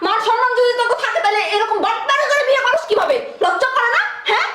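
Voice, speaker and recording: A woman playing a furious young bride who has been deceived, scolding and shouting. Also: very high-pitched, lively intonation, fast, a crowd in the background. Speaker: bride in a web drama. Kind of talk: short web drama acting. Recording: echoey room with clear noise.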